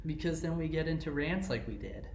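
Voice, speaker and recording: A man's voice: on the high side, brisk, crowd noise. Exasperated, cursing man in a roomy room. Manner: defensive, exasperated, swears often. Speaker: podcast co-host. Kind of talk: casual podcast banter. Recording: roomy echo.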